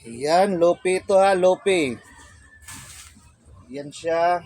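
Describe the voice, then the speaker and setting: A man's voice: high-pitched, takes it slowly, darkish tone, no echo. A man casually showing off costumes for sale, chatty and repetitive, correcting himself as he goes. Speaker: online seller showing costumes. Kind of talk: casual product showcase vlog.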